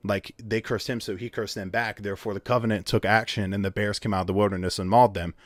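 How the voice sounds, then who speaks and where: A man's voice: lowish voice, flat delivery, quick pace, no room sound, clean studio sound. A man explaining a Bible story in a casual spoken way, thinking aloud with rhetorical questions and frequent restarts. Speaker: solo video creator explaining a Bible story.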